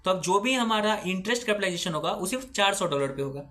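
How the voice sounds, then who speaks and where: A man's voice: high-pitched, expressive, quick pace, sharp tone. A man giving a recorded accounting lecture who patiently asks questions and answers them himself, mixing English terms into his speech.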